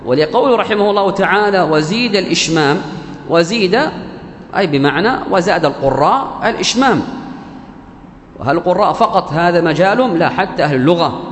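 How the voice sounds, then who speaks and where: A man teaching the rules of Quran recitation in a religious lesson, speaking deliberately and repeating key phrases for emphasis. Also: high-pitched, lively intonation. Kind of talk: religious lesson explaining a verse text. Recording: echoey hall with faint background hum.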